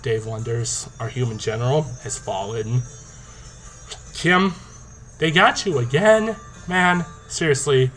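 A young man talking casually to camera in a video diary, playful, animated and boastful. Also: mid-range voice, takes it slowly, soft background music, rough recording. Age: young adult. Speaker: video diarist in a zombie tag game. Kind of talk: casual vlog talk to camera. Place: small indoor room. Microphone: webcam or laptop mic at arm's length. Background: rock song playing.

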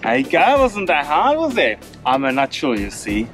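A man with a high voice talks casually on a sailing vlog, teasing and playful, stretching out his jokes. As the boat's first mate, he sounds light and mischievous. Music plays clearly underneath him. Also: huge pitch swings, moderate pace.

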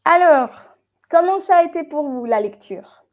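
A woman teaching French in Spanish, slowly repeating words aloud to drill pronunciation. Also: sits high, lively intonation, lo-fi sound. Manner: switches between French and Spanish explanations. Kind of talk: online language lesson.

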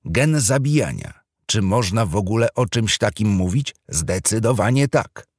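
A man's voice: fairly low pitch, big pitch swings, measured pace, no room sound, studio quality, pitched above the performer's own voice, exaggerated voice. A man voicing a serious, declamatory male documentary announcer on television, in an audiobook. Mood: grave.

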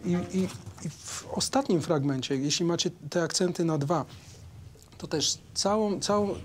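A man's voice: fairly high pitch, moderate pace, slight background noise. Man coaching a string orchestra. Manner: hesitant, sings rhythms and counts beats aloud. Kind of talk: rehearsal coaching. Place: rehearsal room with a string ensemble.

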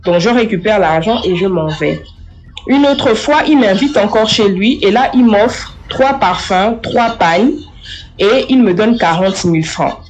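A young woman giving a first-person spoken testimony, telling her story in a lively way and speaking straight to the listener. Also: medium pitch, unhurried, low-quality recording.

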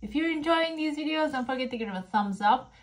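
A woman's voice: high-pitched, lively intonation, fast talker. Woman fortune teller, non-native English speaker. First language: not English. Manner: fortune teller addressing the viewer directly. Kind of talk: casual coffee cup and oracle card reading to camera.

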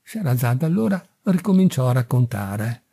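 A man narrating a storybook audiobook in a steady, measured reading. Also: medium pitch, vocal fry, breathy edge. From Italy. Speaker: audiobook reader.

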